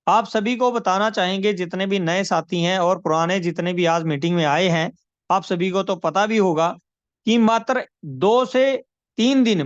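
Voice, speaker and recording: A man giving a persuasive sales pitch on a video call, repeating numbers and calling listeners friends. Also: a bit bright, no room sound. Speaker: presenter of a money scheme. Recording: dry, dull lo-fi call audio.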